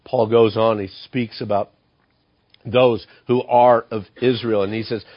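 A male pastor preaching a sermon earnestly, dropping to a hushed voice for emphasis. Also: lowish voice, fairly even intonation, measured pace, no room sound, muffled recording.

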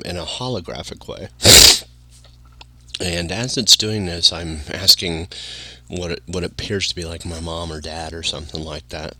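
Sleepy guy rambling to his camera, lots of uhs, low voice but really bright edge. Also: husky, dry recording. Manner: meandering, many fillers and restarts. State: tired. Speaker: vlogger. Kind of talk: casual rambling monologue.

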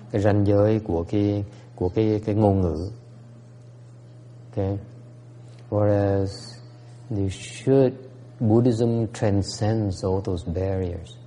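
A man's voice: lowish voice, mellow, a little hiss or hum. A man giving a Buddhist teaching, moving between English and Vietnamese with frequent fillers and questions to the audience. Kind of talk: bilingual dharma talk. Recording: long hall reverb.

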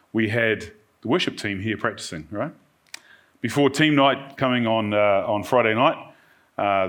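A man's voice: lowish voice, fairly bright tone. A man with a New Zealand accent speaks as a pastor, giving a conversational sermon and checking in with his listeners. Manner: checks in with listeners using short tag questions. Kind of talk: conversational evening sermon to a congregation.

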